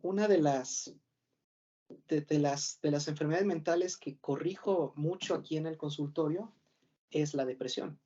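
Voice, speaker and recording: A man's voice: a little high, measured pace, dark tone. A man with a Mexican Spanish accent giving a mock lecture to a class as a professor. He rambles, corrects himself and fires off rhetorical questions. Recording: dull lo-fi recording.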